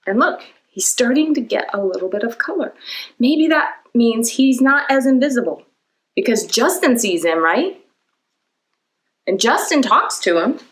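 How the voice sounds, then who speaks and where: Very animated yet measured in pace, her voice is a little high and a bit bright. As a children's storytime host, she reads aloud, explains things in simple terms and frequently asks her young audience questions.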